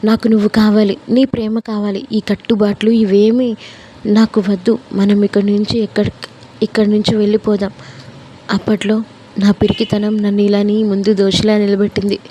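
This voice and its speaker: A woman's voice: mid-range voice, little pitch movement, moderate pace, warm tone, slight background noise, lightly acted. A woman voicing a young man pleading with the woman he loves, earnest and insistent.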